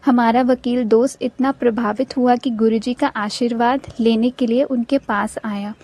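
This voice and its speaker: A woman reading a devotee's first-person testimony aloud in a steady, reverent way, with small restarts now and then. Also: on the high side, normal speed. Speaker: devotional channel narrator.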